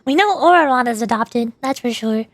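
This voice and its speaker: Her voice is fairly high and expressive, at a moderate pace, with no room sound. She's a woman streaming a game who chats casually, reads the dialogue out, and frequently poses questions to herself.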